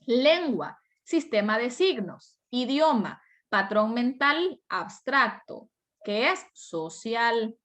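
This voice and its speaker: A Salvadoran woman teaches a class over a video call, talking through each point and posing questions that she answers herself. Her voice sits fairly high for a woman. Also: sing-song, slow, fairly bright tone. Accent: Salvadoran Spanish. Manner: explanatory, asks and answers her own questions. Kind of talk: online class lecture.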